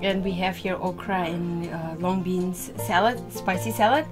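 Chatty woman in her thirties hosting a food video, music playing clearly behind. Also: fairly low pitch, steady tone, normal speed. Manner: chatty, presents each dish. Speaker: host of a food channel. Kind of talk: casual mukbang chat. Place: sunny room with large windows, indoors. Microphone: table mic in front of the couple. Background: music in the background.

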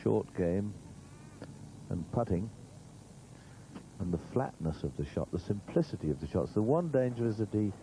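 Deep, dark-voiced male golf commentator. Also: expressive, moderate pace, long pauses. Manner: rambling, humorous asides. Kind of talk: live golf commentary, conversational. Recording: noisy old TV broadcast audio.

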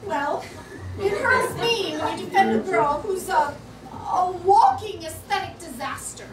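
A woman's voice: high voice, sing-song, slow, a loud crowd, heavily acted. A woman acting an imperious, demanding and flirtatious wealthy art patron in a staged play reading, heard in a theatre. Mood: indignant. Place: small stage in a club theatre before an audience. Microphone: distant audience camera. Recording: noisy, echoey theatre recording from far off.

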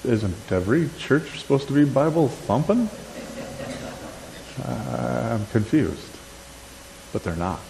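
A man's voice: mid-range voice, takes it slowly, vocal fry, pauses often. A middle-aged man with an Upper Midwestern accent, giving a conversational sermon and asking the crowd questions. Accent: Upper Midwestern American. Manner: animated, asks the crowd questions, gestures while talking. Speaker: conference speaker. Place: church sanctuary. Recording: church hall with long reverb, faint hiss.

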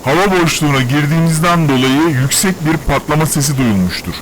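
A man playing an airline captain making a calm, formal announcement over the cabin intercom in a comedy sketch. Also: fairly high pitch, brisk, a little hiss or hum, poor audio.

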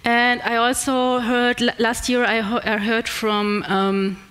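Slow, flat and a little high, this middle-aged German-accented woman's voice is fairly bright, clear and resonant. Speaking on a large indoor stage through a headset, she gives a conference talk and fields questions, stumbling over fillers and restarts.

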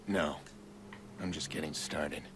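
An actor playing a grim, vengeful male vigilante in a video game, speaking tersely and guardedly in a low gravelly growl. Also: steady tone, slow pace. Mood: grim resolve. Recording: game dialogue over noisy ambience.

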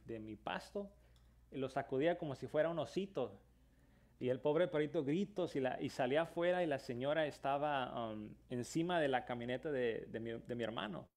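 A man delivers a sermon with earnest conviction, pressing his listeners with questions. His voice sits a little high for a man, and he moves easily into a plain storytelling tone. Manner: earnest preaching, rising to emphatic questions, then storytelling. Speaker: pastor.

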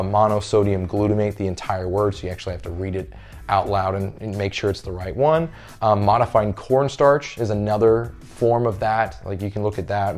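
A man in his thirties with a fairly low voice teaches as a fitness coach, standing in a small carpeted room. He talks casually and keeps checking in with "okay?" and "all right?". Soft music sits faintly underneath. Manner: conversational, frequent "all right?" check-ins. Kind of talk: casual talking-head lesson. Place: carpeted room with window blinds, indoors.

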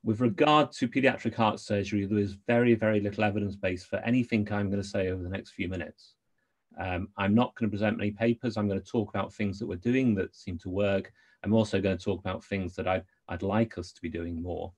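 A middle-aged man with a slightly low voice. He presents to a conference over a video-call microphone, explaining things in a measured, carefully qualified manner. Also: fairly even intonation. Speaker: consultant anaesthetist giving a lecture. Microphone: computer microphone on a video call.

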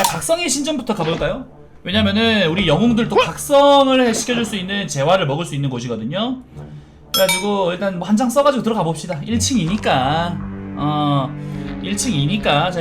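A man from South Korea talking through a sponsored mobile game playthrough, chatty and breaking into excited shouts as battles heat up. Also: high-pitched. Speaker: game streamer.

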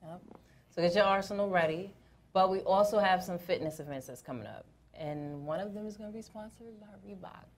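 A woman's voice: mid-range voice, fairly quick. A woman co-hosting a live show, bubbly and joking as she makes announcements. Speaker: co-host. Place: live event with audience. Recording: loud crowd noise.

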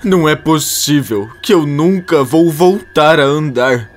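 A man reading as a bitter older farmer stuck in a wheelchair, shouting in anger with a Brazilian accent. The lines come slowly and somewhat higher than a plain reading voice. Faint music plays behind. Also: lively intonation. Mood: furious. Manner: raised, shouting delivery.

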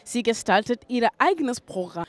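A woman's voice: a little high, lively intonation, normal speed. A young woman reporter asking questions and presenting scripted reports with a handheld mic. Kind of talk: reporting and interviewing.

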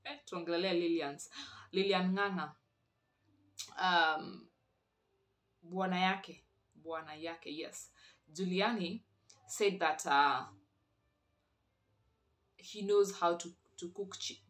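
A young Kenyan woman with a Kenyan accent chatting playfully on her vlog, switching between languages mid-sentence. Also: lowish voice. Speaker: vlogger. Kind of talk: casual chat.

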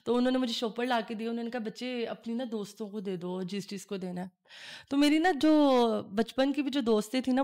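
A woman with a somewhat high voice recounts personal memories on a podcast. Her delivery is casual and animated, and she slips into the voices of the people in her stories. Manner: animated storyteller who acts out quoted dialogue. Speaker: podcast host. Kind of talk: casual chat, personal storytelling.

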